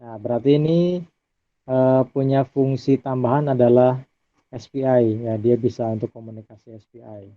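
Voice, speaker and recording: Man, lecturer, relaxed slide lecture, tinny phone-like sound, no room echo. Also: medium pitch, normal speed. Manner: relaxed, adds tag "ya" often. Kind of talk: recorded lecture over slides. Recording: dry, phone-like audio.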